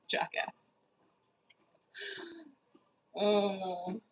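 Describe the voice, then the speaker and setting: A woman's voice: medium pitch, little pitch movement, drawn-out words, rough recording. A woman in her forties hosting a livestream, reading viewers' chat in a teasing, bossy way and scolding rude commenters. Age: 40s. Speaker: livestream host. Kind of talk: casual live chat reading.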